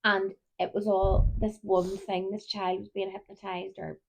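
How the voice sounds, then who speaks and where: Chatty woman with a gravelly voice. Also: mid-range voice, level tone, measured pace. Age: 30s. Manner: chatty storyteller, keeps yawning. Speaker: podcast co-host. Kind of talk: casual chat.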